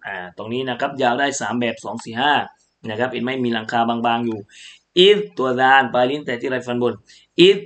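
A man's voice: medium pitch, steady tone, brisk, a bit bright. A man from Thailand teaching Quran recitation, chanting verses and then patiently explaining pronunciation, repeating syllables for students. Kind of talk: tajweed recitation lesson.

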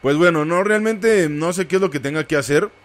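Excitable Mexican gamer, slightly high voice. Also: male voice, brisk. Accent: Mexican Spanish. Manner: excitable, swears, bursts into yells. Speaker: gaming streamer. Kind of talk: let's play commentary.

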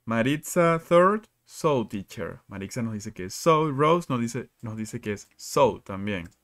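A man's voice: medium pitch, expressive, slow pace, a bit bright. Man teaching in a live class. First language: Spanish. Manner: reads out students' answers and asks questions often. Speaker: English teacher.

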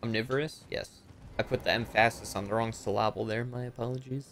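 A man's voice: mid-range voice, fairly even intonation, brisk, background noise. A man giving casual gameplay commentary as a streamer, often frustrated, swearing and poking fun at himself. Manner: frustrated, swearing, self-mocking. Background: game music.

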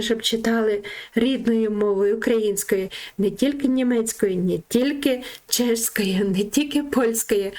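A woman's voice: mid-range voice, darkish tone. A woman teaching a children's reading lesson, sounding out syllables one by one and praising her pupils. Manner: slow, syllable-by-syllable, encouraging.

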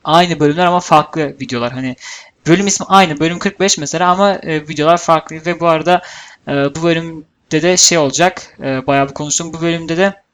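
A man hosts a game video with a relaxed, chatty delivery. He talks quickly in a fairly high voice and fills gaps with small hesitation sounds. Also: smooth. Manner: chatty, talks fast, frequent filler "e". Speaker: gaming channel host. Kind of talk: casual let's-play chat.

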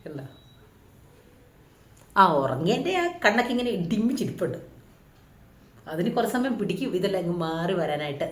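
A woman's voice: fairly low pitch, expressive, moderate pace, long pauses. A woman from Kerala with a Malayali accent, chatting casually through a home beauty vlog and often checking in with her viewers. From Kerala, India. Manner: chatty, often ends lines with a tag asking the viewer. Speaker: beauty vlogger. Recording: echoey room.

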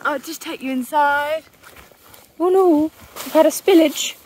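Speaking at a measured pace, this young woman has a high-pitched voice with a darkish tone, and slight background noise is present. She's a vlogger wild camping beside a lake on a mountainside, narrating casually to a selfie-held camera while laughing often.

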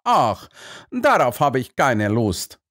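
Ein beschwipster, fröhlicher Graf, von einem Mann gesprochen in einem Hörbuch, der mit singendem Unterton spricht. Die Stimme liegt höher als sonst und schwingt lebhaft auf und ab, gedehnt und verspielt. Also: male voice, medium pitch, sing-song, takes it slowly, fairly bright tone. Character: angetrunkener, fröhlicher ungarischer Graf, singender Tonfall.

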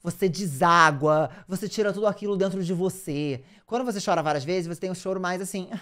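A Brazilian host reacting casually and animatedly on a live stream, answering the chat. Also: male voice, high voice, fairly quick, fairly bright tone.

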